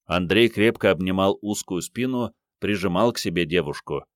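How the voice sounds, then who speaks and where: Male audiobook narrator, low and dry, measured storytelling. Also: no echo.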